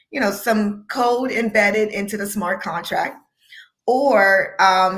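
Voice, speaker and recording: A woman's voice: medium pitch, fairly bright tone. Conversational woman co-hosting a panel. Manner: conversational, frequent "right?" tags and laughs. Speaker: panel co-host. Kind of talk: casual panel discussion.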